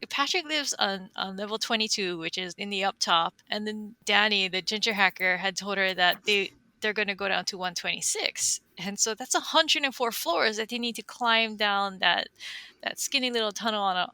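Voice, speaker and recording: A woman's voice: medium pitch, normal speed, pushed and bright, no room sound. A woman hosting a podcast in casual chat, recapping scenes and laughing often. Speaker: podcast host.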